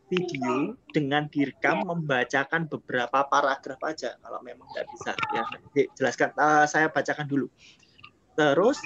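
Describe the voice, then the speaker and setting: Man teaching a class. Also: a little high. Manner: reads Javanese text, then explains it in Indonesian. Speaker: primary school teacher. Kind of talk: recorded remote lesson. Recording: muffled, noisy home recording.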